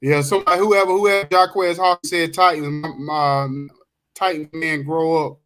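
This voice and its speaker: Guy on a sports podcast, kinda high voice, easygoing, keeps saying "you know what i'm saying". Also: steady tone, moderate pace, fairly bright tone, clean tone, low-quality recording. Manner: laid-back, repeats phrases, laughs often. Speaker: podcast co-host. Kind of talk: casual sports chat.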